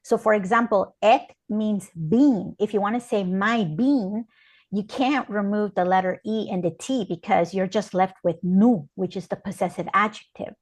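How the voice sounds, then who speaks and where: A woman unhurriedly walks students through a language lesson. She explains each example one step at a time in a steady mid-range voice. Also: medium pitch. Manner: slow, careful step-by-step explanation. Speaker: interpreter and co-teacher. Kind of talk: classroom lesson explaining grammar.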